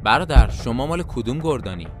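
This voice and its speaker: An actor playing a calm, humble male division commander with a mild, conciliatory way of talking, in a radio drama. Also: medium pitch, close to an everyday voice. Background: music.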